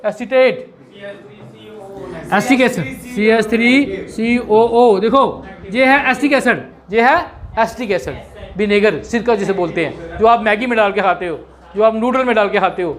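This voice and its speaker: A man teaches chemistry in a classroom. He drills the students, fires off quick rhetorical questions and spells terms out letter by letter. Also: high-pitched, fairly bright tone. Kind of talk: classroom lecture.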